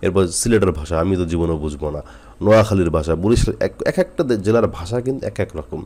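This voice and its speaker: Low-voiced guy from jessore teaching quran letters, jessore bengali accent, says each sound slow and repeats it. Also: mellow. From Jessore, Bangladesh. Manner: patient, drills letters slowly and repeats them. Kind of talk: recitation lesson.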